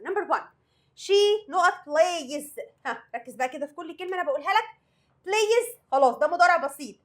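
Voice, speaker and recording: High-voiced Egyptian woman teaching English. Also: a bit bright. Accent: Egyptian Arabic. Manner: drills vocabulary and grammar, questions the students and answers herself. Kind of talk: exam review lesson.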